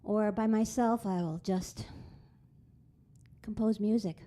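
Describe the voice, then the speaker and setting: A middle-aged woman, a pianist and composer, chatting and telling an animated story between pieces at a live concert. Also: mid-range voice, takes it slowly.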